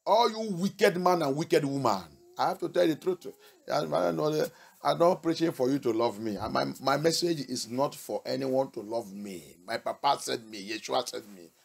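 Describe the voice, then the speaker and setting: Male pastor, emphatic sermon, big jumps between loud peaks and quiet lows, repetitive phrasing. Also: vocal fry, husky. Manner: emphatic preaching with sharp rises and hushed drops; repeats words and restarts phrases.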